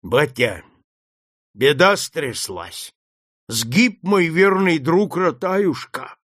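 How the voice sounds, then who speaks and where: A man voicing a domineering, wrathful factory owner who shouts threats in a storybook reading. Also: fairly high pitch, expressive, a little slow, no echo, clean studio sound. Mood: grieving.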